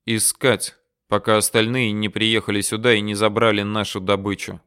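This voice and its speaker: Brief: gruff snapping corporal, read by a man, smooth clear voice, audiobook story. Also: fairly low pitch, flat delivery, normal speed, fairly bright tone, lightly acted. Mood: curt. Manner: curt, snapping. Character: gruff, irritable male corporal of an invading army.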